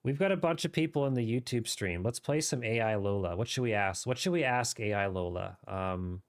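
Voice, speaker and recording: A man's voice: fairly low pitch, a little fast. A man streaming a game live, chatting casually and riffing off the cuff in a rambling way. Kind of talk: casual livestream chat while gaming.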